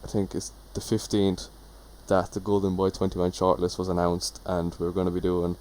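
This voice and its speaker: A man's voice: low voice, completely flat delivery, normal speed, darkish tone, poor audio. A young man co-hosting a casual podcast chat, teasing the others and moving the segments along. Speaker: podcast co-host. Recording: faint background noise.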